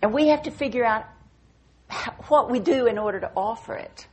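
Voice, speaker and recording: An older woman giving a reflective talk in a folksy manner, slowing to a measured recitation when she reads poetry. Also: fairly high pitch, darkish tone, husky.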